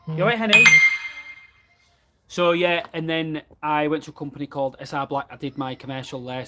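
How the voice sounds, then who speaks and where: A man's voice: medium pitch, a little hiss or hum. A man, chatting casually about running his plumbing business in a live question and answer from his van. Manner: chatty and plain-spoken, reads out viewer comments. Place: inside a van.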